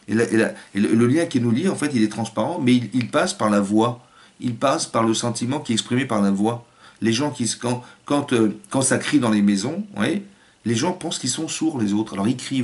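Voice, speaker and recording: Fast-talking rabbi giving a lecture. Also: male voice, mid-range voice. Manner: animated, acts out family voices, many restarts. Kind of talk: Torah lecture.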